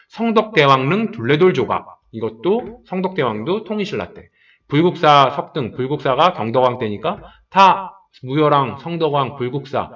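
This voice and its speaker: A man teaching a history exam-prep lecture, his voice rising and falling in a lively way as he explains points and acts out quick bits of dialogue. He sits slightly high for a man. The sound is dull and a little distant from the mic.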